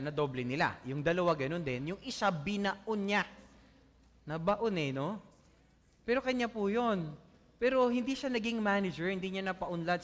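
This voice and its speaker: A man preaching a sermon to his congregation, mixing Tagalog with English, often laughing and asking "Amen?". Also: high voice. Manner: animated, asks the congregation "Amen?"; laughs often while telling jokes. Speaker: pastor. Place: church hall before a congregation. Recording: long church hall reverb.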